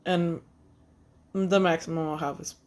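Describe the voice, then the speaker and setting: A woman casually telling a personal story in a vlog, halting with fillers and restarts, blunt and swearing freely. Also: lowish voice, steady tone, darkish tone. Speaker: vlogger.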